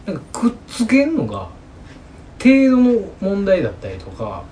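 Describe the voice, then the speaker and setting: A man's voice: sits high, wildly swooping pitch, normal speed, warm tone, slight background noise. A man with a Kansai accent chatting casually and colloquially, emphatically acting out little snatches of dialogue as he goes. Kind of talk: casual chat.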